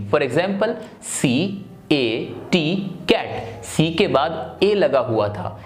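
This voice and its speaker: Guy teaching spelling tricks, walks through each rule step by step, keeps asking questions then answering them. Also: a little high. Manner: explains step by step with rhetorical questions. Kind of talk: spelling lesson video.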